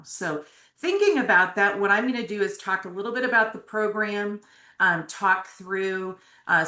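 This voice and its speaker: A woman's voice: fairly low pitch, bright, forceful tone. A woman giving an orientation presentation to new graduate students, talking in a conversational way with frequent fillers and asking "right?" to check in with the group. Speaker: MSW program faculty presenter. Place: classroom with online attendees. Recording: roomy echo.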